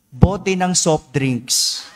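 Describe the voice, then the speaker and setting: A man with a high voice delivers a homily as a parish priest. He tells a childhood story in a chatty, conversational way and keeps checking in with his listeners. His pitch jumps up and drops low as he shifts between scenes. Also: extremely slow. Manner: conversational storytelling, frequent tag questions; lively shifts in pitch and pace.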